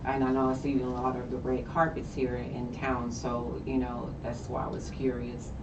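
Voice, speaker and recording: A woman's voice: extremely low pitch, completely flat delivery, moderate pace. A woman hosting a casual radio interview, chatty with lots of fillers and rising questions. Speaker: radio host. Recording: distant, echoey, dull, noisy.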